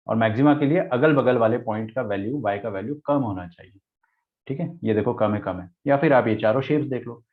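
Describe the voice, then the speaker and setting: Man teaching maths over tinny audio. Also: medium pitch. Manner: explains step by step, asks rhetorical questions and answers them. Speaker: math teacher. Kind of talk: online lecture in Hindi-English mix. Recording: tinny phone-like lecture audio.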